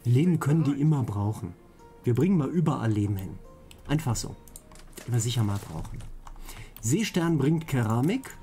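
A man's voice: medium pitch, expressive, normal speed, dark tone, soft background music. A man hosting a let's play, chatting casually and playfully repeating words to himself as he plays. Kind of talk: casual gameplay commentary.

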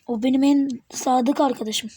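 A woman giving live gameplay commentary on her channel, excitable and teasing, talking back at the game as she plays. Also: high-pitched, normal speed, husky. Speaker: gaming channel host.

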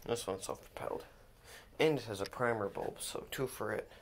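A man narrating a casual vlog in a monotone with little word stress, recorded outdoors on a handheld device. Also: fairly low pitch, moderate pace. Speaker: vlog host. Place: outdoors in a yard. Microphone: handheld camera or phone mic. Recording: loud outdoor engine noise, clicks, handheld.

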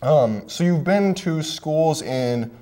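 A man's voice: on the high side, animated, takes it slowly, mellow. A man hosting a local TV arts show, friendly and stumbling a little over his questions. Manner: friendly, hesitant restarts. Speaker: host. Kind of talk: local TV interview. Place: local TV studio.

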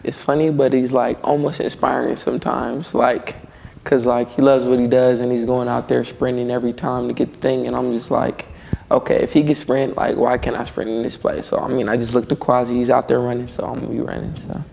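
A young football player speaks casually about his team. His voice has a gravelly edge. A faint hiss sits under the recording. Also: medium pitch, a little fast. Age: young adult. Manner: relaxed, casual. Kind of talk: interview.

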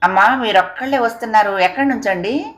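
A woman's voice: fairly high pitch, quick pace, natural voice. Respectful village cab driver, curious about his passenger, read by a woman narrator. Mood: polite. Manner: polite, deferential. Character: polite village taxi driver, man. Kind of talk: audiobook character reading.

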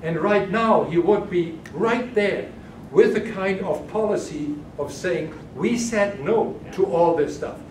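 In a large carpeted conference room, an older German man giving a keynote responds to questions slowly in a high voice, with hardly any pauses but plenty of hesitant restarts and fillers. A distant room camera recorded it, leaving the sound echoey and noisy.

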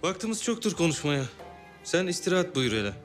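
An actor playing a courteous young dervish in a historical drama, speaking in formal, old-fashioned phrases. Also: male voice, sits high, very animated, fast, over music. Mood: courteous, instructive.

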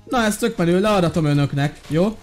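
A man hosting a gaming video, giving casual, excitable and curious let's-play commentary with many fillers. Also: sits high, soft background music.

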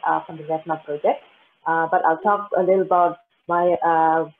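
A young woman from Malaysia presenting her journey in a webinar, chatty with many uhs and likes, speaking through a headset. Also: low-pitched. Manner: chatty, fillers like uh and like. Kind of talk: casual webinar talk. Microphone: headset on a video call. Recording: tinny phone-like call audio.

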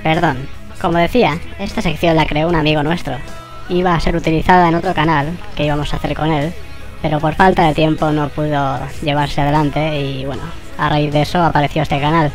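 A channel host with a Spain Spanish accent, voice sped up like a tape on fast forward, giving a sarcastic, swear-laden anniversary monologue. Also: mid-range voice, little pitch movement, faint music behind. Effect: sped-up squirrel voice, like a tape on fast forward.

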